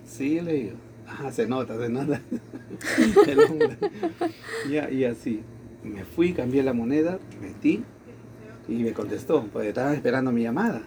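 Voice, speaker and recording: A Latin American man casually tells a personal story in conversation, his mid-range voice at normal speed over background noise. He's animated and acts out the quoted dialogue.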